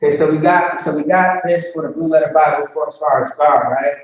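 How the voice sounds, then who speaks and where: In an informal online language lesson, a man teaches casually, repeating himself and often checking that he's understood. His fairly high, steady voice moves a little fast. A distant lo-fi mic picks him up in a very echoey room.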